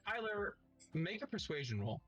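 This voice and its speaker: A man's voice: high-pitched, big pitch swings, moderate pace, over loud music. A man acting as game master, narrating a tabletop role-playing game to the players.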